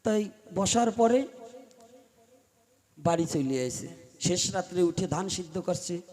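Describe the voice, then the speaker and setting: A man preaching in a high, ringing voice and telling devotional stories. He swings between loud, impassioned pleading and hushed asides. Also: animated, slow pace. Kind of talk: devotional storytelling sermon. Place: live gathering before a large crowd.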